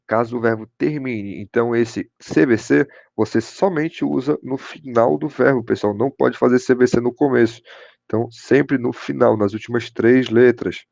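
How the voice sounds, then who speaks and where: Low gravelly Brazilian teacher, lo-fi mic. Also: male voice, a little mellow, no room sound. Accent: Brazilian Portuguese. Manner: repeats "show de bola" and "pessoal", checks in with students. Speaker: English teacher. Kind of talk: online class explanation.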